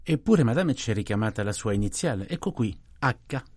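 A man voicing a middle-aged detective who questions politely and quietly but keeps pressing, in a dry, close audiobook reading. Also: on the low side, lively intonation, moderate pace, husky, no echo. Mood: probing. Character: calm probing male detective, middle-aged.

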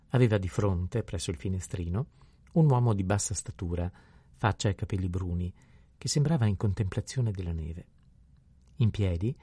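Deep, gravelly male narrator. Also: no echo. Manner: steady, measured reading. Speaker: audiobook narrator. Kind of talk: scripted narration.

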